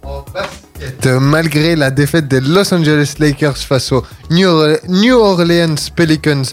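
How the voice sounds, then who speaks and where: A man reads quick sports news briefs on a radio show in a brisk, fluent way. His voice is somewhat high. A soft music bed plays underneath.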